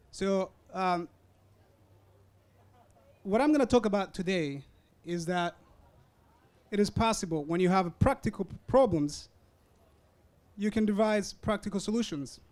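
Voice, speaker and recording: Speaking English as a second language, a young student from Rwanda delivers a prepared public talk at a university event through a hand-held or stand mic. His register is notably high, light and a little mellow, and his sentences are earnest and measured, with occasional pauses while he finds the words.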